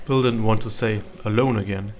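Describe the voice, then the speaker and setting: A man narrating a scripted story in old-fashioned radio drama style, with dry, measured delivery. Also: lowish voice, little pitch movement.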